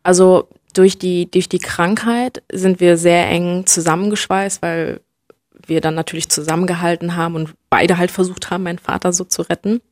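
A young woman from Germany, speaking reflectively as an interview guest and often pausing to search for words. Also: lowish voice, flat delivery, darkish tone, no echo, studio quality. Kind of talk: personal interview conversation.

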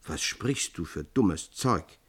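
A man's voice: low-pitched, animated, slow pace, husky, heavily acted. A man reading a storybook, voicing a young noble maiden with a proud, dismissive manner.

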